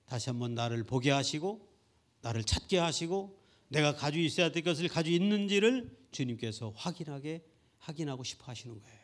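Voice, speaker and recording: A middle-aged male pastor preaching a sermon at a Sunday church service, telling a personal story earnestly and building to loud, fervent peaks. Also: fairly high pitch, animated, a little fast.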